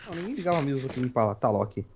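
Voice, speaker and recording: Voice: mid-range voice, big pitch swings, racing, a little mellow, slight background noise. A gamer playing Minecraft with a friend, insistent and shrieking in panic. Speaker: gaming partner. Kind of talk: excited Minecraft let's play chat.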